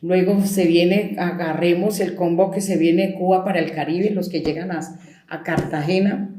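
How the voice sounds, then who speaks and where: A woman's voice: fairly low pitch, steady tone, normal speed, mellow. A Colombian woman storyteller talking reflectively and emphatically, stretching out key words. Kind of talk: reflective spoken talk. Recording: echoey room.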